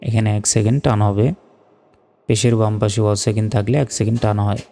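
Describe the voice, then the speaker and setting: A man gives a Quran pronunciation lesson in a dark, gravelly voice that stays flat in pitch. He spells out each Arabic letter and vowel mark one by one, then chants the verse slowly. His voice trails off into a long reverb. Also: faint music behind. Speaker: Quran recitation teacher.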